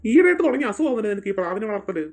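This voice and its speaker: A woman's voice: fairly high pitch, sing-song, racing, a little mellow. A woman voicing a grumpy middle-aged father who nags his wife in a family skit. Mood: grumbling. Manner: nagging, complaining.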